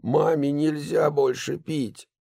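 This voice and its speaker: A man reading an audiobook, voicing a nervous, secretive middle-aged son who speaks in a resigned, hushed way. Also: on the high side, big pitch swings, a little slow, creaky, dry recording, clean studio sound, voice pushed up, full character voice.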